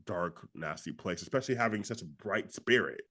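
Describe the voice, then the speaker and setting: A man's voice: deep voice, brisk. A young man co-hosting a podcast, retelling a film scene in a rambling casual way, leaning on "like" constantly. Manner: rambling, heavy use of "like", animated retelling. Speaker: podcast co-host.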